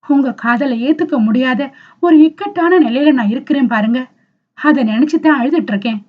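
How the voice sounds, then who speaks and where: A woman reading the lines of a gentle young woman, tearful and troubled. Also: sits high, normal speed, muffled recording. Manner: soft, tearful.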